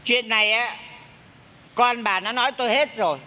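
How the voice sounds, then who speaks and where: An actor playing a bumbling middle-aged exorcist master, scolding and theatrical on a theater stage. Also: male voice, very high voice, normal speed, bright, forceful tone, exaggerated voice. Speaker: spirit medium in a stage comedy sketch. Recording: stage sound with hall reverb and hiss.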